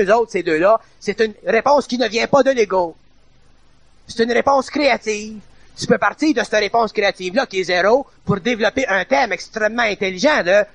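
Gravelly emphatic man, Quebec French accent. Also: sits high, a bit bright, no room sound. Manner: emphatic, repetitive, colloquial. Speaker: lecturer. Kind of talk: informal spoken lecture.

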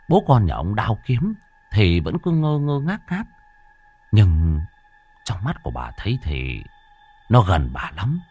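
A man's voice: fairly low pitch, a little mellow, slightly rough. A man narrating a horror tale in a vivid, dramatic storytelling style.

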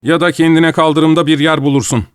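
Man reading brash, loud young lad, raised voice, dry sound. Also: mid-range voice, brisk, no echo, close to an everyday voice. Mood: teasing. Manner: loud, teasing.

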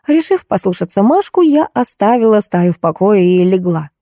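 A woman narrating a first-person audiobook in a lively, ironic storytelling way. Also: mid-range voice, moderate pace, dry recording, clean studio sound.

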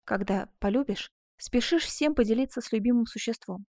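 A woman narrating a classic novel in a measured, expressive way. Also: on the high side, vocal fry, no echo, studio quality. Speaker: audiobook narrator.

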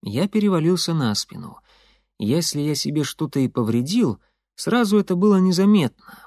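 A man narrating an audiobook in the first person, telling the story in a lively, expressive way. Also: a little high, normal speed, dry recording. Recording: dry close studio sound.

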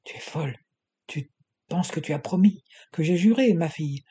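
An old, fearful gem merchant who stammers and grumbles, as a male narrator puts him on. The voice is husky and dark in tone. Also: fairly high pitch, moderate pace. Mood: harsh grumble.

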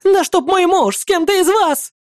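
An audiobook reader voicing a loud, quarrelsome village wife who screeches insults. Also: extremely high pitch, moderate pace, no echo, studio quality, pitched above the performer's own voice. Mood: screeching. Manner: screeching, scolding.

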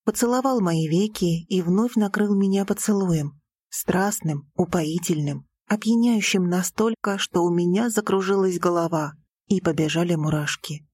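A woman narrating a first-person audiobook romance in a soft, even storytelling manner. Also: lowish voice, normal speed, slightly rough, no echo.

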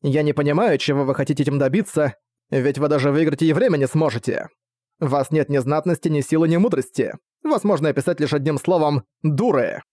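A man's voice: on the high side, a little fast, dark tone, no echo, clean studio sound, natural voice. A man voicing a haughty, cruel young female villain in an audiobook, cold and scornful. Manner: cold, scornful, spitting words. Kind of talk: audiobook character voice.

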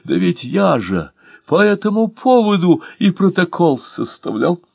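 A man reading an audiobook and voicing a gruff former police officer. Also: high voice, very animated, a little slow, a little mellow, dry recording, studio quality, voice pushed up, exaggerated voice. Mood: excited.

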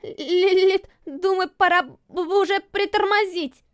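A woman's voice: very high voice, measured pace, voice pushed up. A woman voicing a timid young female robot housemaid who stammers when flustered, in a storybook reading. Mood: panicky. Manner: stammers in panic.

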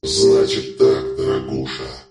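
A man reading a story aloud and voicing a menacing, mocking torturer speaking through a communicator, slow and creepy. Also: fairly low pitch, gravelly. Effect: voice through a communicator, distant and echoing. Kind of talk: audiobook reading. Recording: echoey with loud music behind.

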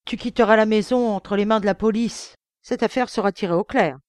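A woman voicing an outraged middle-aged male banker who shouts accusations at his son, in an audiobook. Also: medium pitch, fairly quick, no echo, studio quality, pitched above the performer's own voice, natural voice. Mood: stern.

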